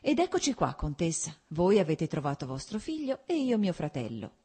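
A woman reading an audiobook voices a lively, graceful young noblewoman who speaks politely with a light, playful warmth. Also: lowish voice, moderate pace, husky.

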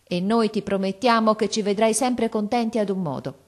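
Storybook: woman reader doing a resolute young sister, earnest and pleading, pitched up high. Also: steady tone, normal speed, natural voice. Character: resolute, loving young girl, older sister.

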